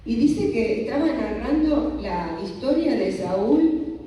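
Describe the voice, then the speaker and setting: A woman speaks slowly with a slightly high, warm, expressive voice, delivering a lecture on children's ministry at a church conference. She sounds teacherly and asks the audience rhetorical questions. Recorded in an echoey church hall, her voice sits well away from the mic.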